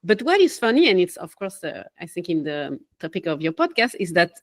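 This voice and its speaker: A young woman from Switzerland, a life coach and podcast guest, talking in an animated, casual way with small laughs and self-corrections. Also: on the low side, a little fast. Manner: animated, laughs between phrases, loses her train of thought. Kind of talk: casual interview talk.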